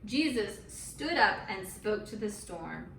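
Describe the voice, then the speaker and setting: In animated storytelling with children, a woman recounts a Bible tale in plain, encouraging terms, adding dramatic emphasis. Her mid-range voice is animated, slow, creaky, and a little bright. It's captured from a distance in a roomy space with faint noise.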